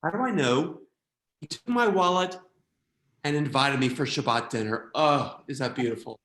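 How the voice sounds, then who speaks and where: An American man performing a stand-up comedy routine, animated, slipping quickly into quoted voices. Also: medium pitch, roomy sound, a little hiss or hum. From United States.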